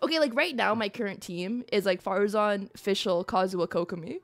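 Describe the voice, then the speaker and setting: A woman streamer chats casually about her play during a game livestream, rambling and self-deprecating in a mid-range voice at a moderate pace.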